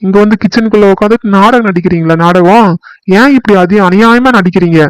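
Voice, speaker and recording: A man voicing a sharp-tongued, quarrelsome young wife in a comedy skit, complaining indignantly in rapid accusations. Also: high-pitched, clear, resonant tone, no room sound, close to an everyday voice, low-quality recording.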